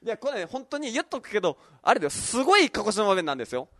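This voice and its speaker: A man's voice: high-pitched, very animated, fast, bright, forceful tone, no echo, clean studio sound. A man co-hosting a radio show, bantering playfully and laughing often. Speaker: radio co-host. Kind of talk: casual radio chat. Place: radio studio.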